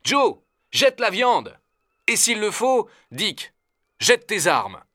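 A man's voice: high-pitched, very animated, takes it slowly, sharp tone, dry recording, clean studio sound, pitched above the performer's own voice, heavily acted. A man doing a commanding expedition doctor. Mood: urgent. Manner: urgent, giving orders. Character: commanding male doctor, expedition leader, decisive. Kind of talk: storybook reading.

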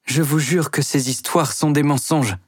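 A man voicing a young woman shop clerk who speaks softly but firmly, his voice raised in pitch. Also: steady tone, normal speed, husky, no room sound, clean studio sound. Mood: indignant.

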